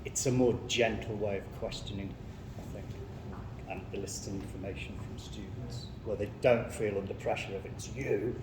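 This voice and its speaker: A man's voice: on the low side, steady tone, moderate pace. A man talking informally as a drama trainer, explaining in a reassuring way. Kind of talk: informal teaching discussion. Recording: echoey room with background noise.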